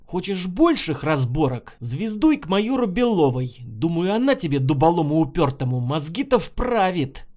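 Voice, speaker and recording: A gruff, hot-tempered middle-aged lieutenant colonel, as the narrator puts him on. He barks blunt orders with lively swings of pitch. This is audiobook storytelling. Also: moderate pace, few pauses. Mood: irritated.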